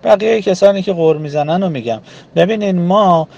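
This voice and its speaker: Guy preaching to a group, earnest, lists things off one by one, slightly high voice. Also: vocal fry, darkish tone, muffled recording. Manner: earnest, rhythmic lists with pauses. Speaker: religious speaker. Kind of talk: sermon-like talk to a group.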